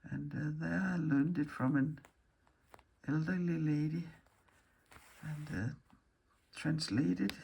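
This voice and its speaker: A Danish woman, hoarse from losing her voice, chatting through a hands-on stitching tutorial, thinking aloud and correcting herself mid-sentence. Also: low-pitched, slow, pauses often, mellow. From Denmark. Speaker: embroidery teacher.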